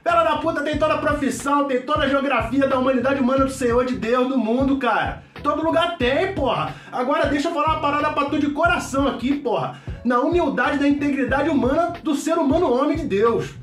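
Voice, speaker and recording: A brash, loud middle-aged mechanic from a comedy sketch, played by a man, who shouts almost every phrase in a very high, strained voice, full of swearing and slang. Carioca accent, rambling speech. Recorded in an echoey room with the mic at a distance and faint music behind. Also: quick pace. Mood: boisterous.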